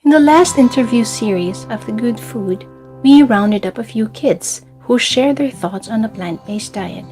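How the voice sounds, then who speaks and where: A woman giving a scripted narration for a food segment in an even, informative way. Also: on the high side, unhurried. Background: guitar music.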